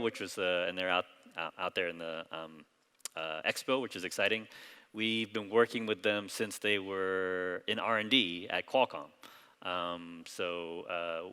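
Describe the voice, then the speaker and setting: A man in his forties who grew up in Hong Kong speaks from the stage as a company founder at a conference. His somewhat low voice is bright and clear, and his loose delivery is full of "um"s and restarts. The sound carries the long tail of a large hall. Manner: relaxed, loose delivery with frequent fillers and restarts. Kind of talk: conference presentation. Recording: reverberant hall.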